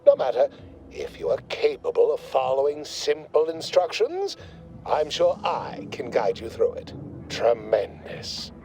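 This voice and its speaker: A man's voice: on the high side, sing-song, unhurried, dark tone, poor audio. An actor playing a pompous male corporate scientist in a video game, speaking in verbose, condescending corporate jargon. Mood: smug.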